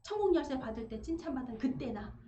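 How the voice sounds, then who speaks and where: A woman preaching a sermon, telling family stories with lively acted-out dialogue. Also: sits high, quick pace, reverberant, a little hiss or hum. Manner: animated storytelling, acting out family dialogue. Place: church sanctuary.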